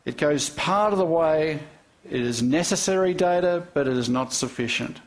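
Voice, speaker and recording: Animated male preacher, fairly high voice. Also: normal speed. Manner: animated storytelling with rhetorical questions and chuckles. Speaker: pastor. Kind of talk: sermon.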